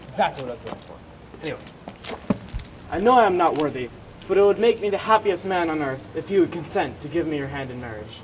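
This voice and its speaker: A man playing a vain, wealthy young gentleman suitor in a stage comedy, speaking in a pompous, self-satisfied way. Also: fairly high pitch, expressive, fast, natural voice. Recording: noisy stage recording, distant microphone.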